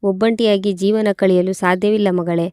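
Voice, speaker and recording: A woman voicing an elderly grandfather who gently pleads with his widowed daughter in a storybook narration. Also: mid-range voice, fairly even intonation, normal speed, smooth, no room sound, studio quality, natural voice. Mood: concerned.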